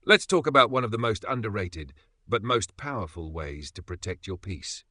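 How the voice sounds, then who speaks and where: Male narrator, low and punchy, for scripted motivational voice-over; deliberate emphatic phrasing, recorded dry and close. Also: very animated, pushed and bright, slightly rough, no echo. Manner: measured, emphatic delivery with dramatic pauses. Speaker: channel narrator.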